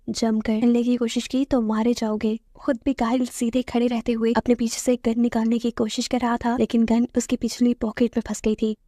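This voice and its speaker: A woman with a Hindustani accent retelling a film's plot in steady, brisk scripted narration, with Urdu words mixed in. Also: fairly high pitch, no room sound, studio quality. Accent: Hindustani (Hindi-Urdu). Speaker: movie recap narrator.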